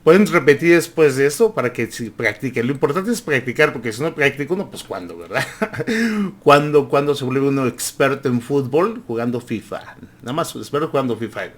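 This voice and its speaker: A man's voice: mid-range voice, expressive. A man teaching English pronunciation, repeating each word several times and growling long R sounds to show how they are made. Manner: growls drawn-out R sounds to demonstrate. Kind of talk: language lesson.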